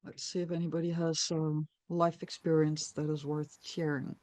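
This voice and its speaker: Brief: Danish woman facilitator on a video call, unhurried and reflective, dry close sound. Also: sits low, no room sound. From Denmark. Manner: relaxed, reflective storytelling with frequent fillers. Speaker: meeting facilitator. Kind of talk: online group discussion.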